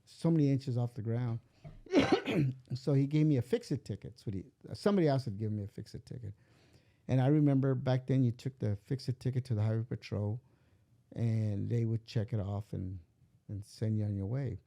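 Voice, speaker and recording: Speaking a little fast, the older man being interviewed, a father, wanders through a lengthy story from his own life and acts out what people said. His mid-range voice sounds creaky yet mellow.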